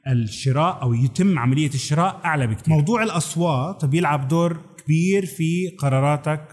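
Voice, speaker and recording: A man's voice: a little high, quick pace, darkish tone. A man with a Levantine Arabic accent presenting a conversational explainer, addressing the listener directly with rhetorical questions. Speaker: video presenter.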